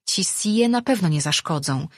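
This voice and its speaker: A woman's voice: lowish voice, lively intonation, normal speed, no echo. A woman voicing a wry, self-assured ancient sorceress who teases with dry humor. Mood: teasing advice. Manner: teasing, dry.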